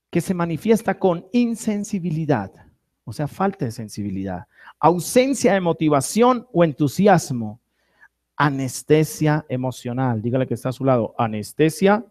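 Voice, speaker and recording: Predicador de voz aguda y expresiva. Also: male voice, fairly high pitch. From Colombia. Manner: preaching with call-and-response to the congregation; animated, swinging between loud and soft. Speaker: pastor. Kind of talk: sermon. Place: church.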